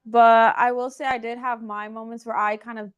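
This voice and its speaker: A young woman in her twenties chats through a casual interview, her voice smooth and clear and sitting a touch high. She fills her sentences with little fillers and tells her story in an animated, running way, recorded in her own nail salon. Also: normal speed, highs cut off. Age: 20s. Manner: chatty, filler-heavy with many "like"s, animated retelling. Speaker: guest, nail salon owner.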